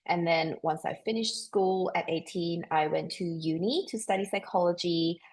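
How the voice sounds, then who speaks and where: A woman's voice: fairly low pitch, normal speed, a little mellow. A woman from Thailand, a therapist, answering interview questions in a straightforward way.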